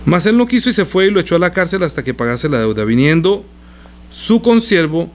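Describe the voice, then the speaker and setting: A man's voice: on the high side, very animated, brisk. Man preaching with rhetorical questions, faint hum. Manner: reads scripture aloud and breaks off to explain with rhetorical questions. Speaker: pastor. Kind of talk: sermon with Bible reading.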